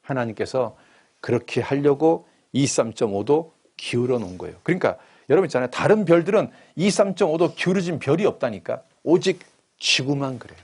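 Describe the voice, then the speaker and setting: A male preacher delivering a sermon in church. His voice is husky and a little breathy, and his pitch moves widely, rising for emphasis and falling back down. He keeps asking the congregation questions and then answers them himself. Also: fairly quick. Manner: animated, asks the congregation questions.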